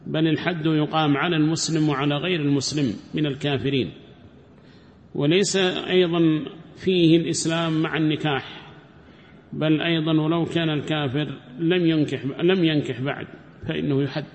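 A man, an Islamic scholar, explaining a classical text in a classroom lesson, lifting his voice when he reads quotations aloud. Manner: explains calmly, rises in pitch when reading quoted text aloud. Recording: long reverb of a large hall.

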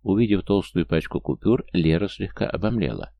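Deep gravelly male narrator. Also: animated, fairly quick, dry recording, muffled recording. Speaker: audiobook narrator. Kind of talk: scripted narration.

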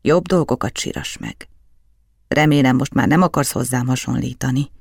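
Man doing a tired old alchemist guy, gruff and bitter, gravelly, dry sound. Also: mid-range voice, no room sound.

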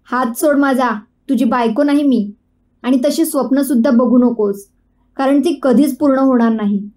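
A fiery young woman snaps back with combative, sharp retorts, as a woman narrator puts her on. The voice is high-pitched yet mellow, in a storybook telling. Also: normal speed, natural voice. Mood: defiant.

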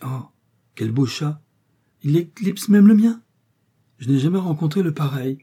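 Man reading as modest young girl, gentle, slightly husky, audiobook. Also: mid-range voice, moderate pace, natural voice. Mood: polite.

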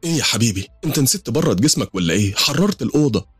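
A man's voice: mid-range voice, lively intonation, very fast, husky, dry recording, soft background music, pitched above the performer's own voice. A man voicing an anxious young wife. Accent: Egyptian Arabic. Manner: worried, pleading.

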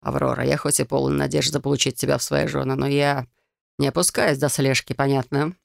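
A man's voice: medium pitch, level tone, brisk, creaky, no echo, clean studio sound. A narrator voicing a brash, smug young man who boasts of his strength and money, in an audiobook. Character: brash, cocky, smug young male suitor. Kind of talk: audiobook character voice.

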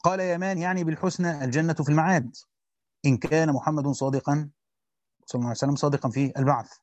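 A man with an Egyptian accent reads a Quran commentary aloud quickly as a teacher. He stops to explain grammar and quizzes his students. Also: fairly high pitch, fairly even intonation, a little mellow, dry recording. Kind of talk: fast classical Arabic reading with colloquial explanations. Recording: dull lo-fi dry recording.

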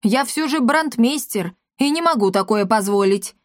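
Woman doing a stern male fire chief, level and reasoning, slightly high, dry read. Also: lively intonation, moderate pace, dry recording, lightly acted.

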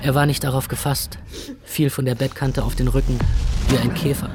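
An actor playing a young man narrating his own ordeal in measured, matter-of-fact literary radio narration. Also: medium pitch, level tone, lightly acted. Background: music.

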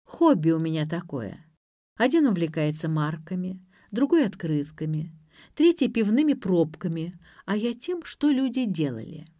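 A woman's voice: fairly low pitch, big pitch swings, normal speed, dark tone, no room sound, studio quality. A woman voicing a curt, commanding man. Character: cold, demanding man on the phone.

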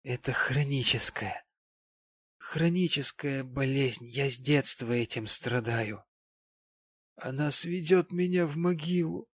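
A man voicing a tipsy, tearful, sanctimonious widowed gentleman, talking in a maudlin, slurred, pompous way in an audiobook. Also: medium pitch, slow pace, breathy edge, no room sound, pitched above the performer's own voice.

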